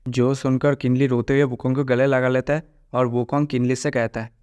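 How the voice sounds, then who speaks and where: A man recaps a story in a steady, even-toned narration, his voice smooth and clear with little pitch variation, at a fairly quick pace. He reads quoted lines plainly in a flat, steady manner. The sound is dry and close, with no room echo.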